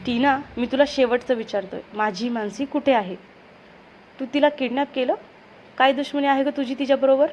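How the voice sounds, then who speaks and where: A woman's voice: sits high, fairly even intonation, moderate pace, a little mellow, dull audio, slight background noise, lightly acted. A woman with a Marathi accent voicing a young man who is panicked and demanding. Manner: urgent, demanding.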